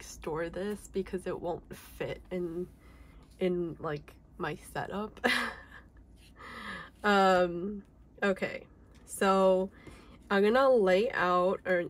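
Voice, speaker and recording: A young woman chatting casually through a collectibles haul video, full of "like" and "um", her voice a little off because she is sick. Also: lowish voice. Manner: chatty, many fillers like "like" and "um". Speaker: K-pop collector vlogger. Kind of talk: casual unboxing chat.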